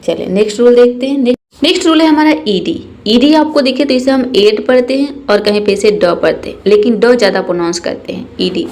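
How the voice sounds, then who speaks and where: Woman teacher, patient explainer, spells words out slowly and asks her own questions. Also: on the high side, animated, a little mellow. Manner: spells words letter by letter, repeats them slowly. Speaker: English teacher. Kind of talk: spoken lesson on English pronunciation.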